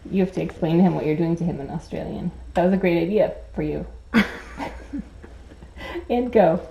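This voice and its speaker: A woman's voice: lowish voice, moderate pace, creaky. A woman hosting a cat rescue video, chatting casually, giggling often and cooing at the kittens. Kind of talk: casual vlog chat. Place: animal rescue room. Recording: roomy, dull, faint noise.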